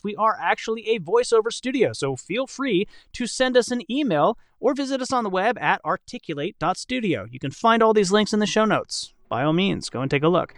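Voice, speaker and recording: A podcast host who is also a voice actor speaks on a casual panel in a high-pitched, slightly bright voice. He rambles and qualifies himself as he goes, and the recording is dry.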